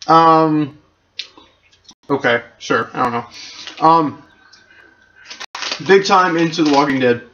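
A man's voice: a little high, slow pace, pauses often, a bit bright, muffled recording, a little hiss or hum. A young man casually commenting on a game he plays, rambling and chatty, eating chips as he talks. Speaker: let's play gamer.

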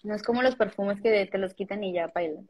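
A woman's voice: medium pitch, fairly quick, darkish tone, slightly rough, low-quality recording. A young woman from Colombia chatting casually and playfully on a livestream, teasing her friends and laughing often. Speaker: livestream co-host.

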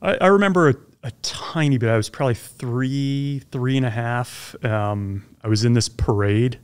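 A man in his forties, a podcast guest, telling stories in an upbeat, chatty way into a studio boom mic. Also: normal speed, smooth. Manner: chatty storyteller, upbeat, laughs easily. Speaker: guest, former helicopter pilot. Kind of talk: casual interview. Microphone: studio mic on boom arm, headphones.

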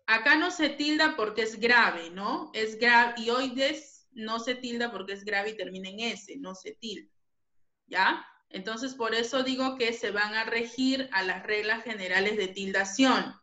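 A woman's voice: on the high side, measured pace, pushed and bright. A woman teaching a grammar lesson to pupils, patient and repeating each point. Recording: echoey room.

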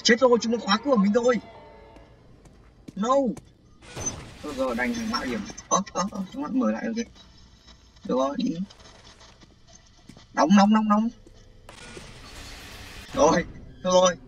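A man giving excited, panicky commentary on a game livestream, often repeating words when startled. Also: high-pitched, a little fast, long pauses, distant mic. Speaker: gaming livestreamer. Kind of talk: live gameplay commentary. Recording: dull lo-fi sound with faint game music.

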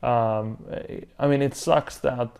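A man's voice: medium pitch, fairly even intonation, slow pace, gravelly, darkish tone, smooth. A man in his thirties from Greece, co-hosting a podcast debate, hesitant and probing with many fillers, on a lapel mic in a studio lounge. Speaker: podcast co-host. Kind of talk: casual debate chat. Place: studio lounge set with armchairs.

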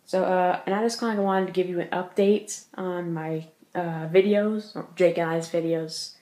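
A male vlogger giving a casual update from home, talking fast, stuttering and filling gaps with uh and like. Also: sits high, fairly even intonation, a little mellow, echoey room. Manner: speaks fast, stutters, lots of uh and like. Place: room at home.

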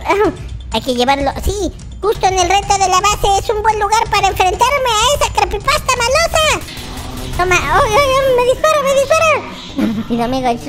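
Over children's music, a gaming channel host performs roleplay commentary as a baby boy character in a squeaky, childlike voice. The character is excitable, boastful but kind, exclaiming often and repeating words.

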